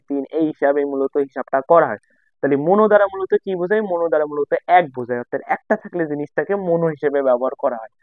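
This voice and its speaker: Young man, tutor, casual lesson, repeats himself, fast, tinny phone-like sound. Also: a little high, dry recording. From Bangladesh. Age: young adult. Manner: conversational, repeats and rephrases points.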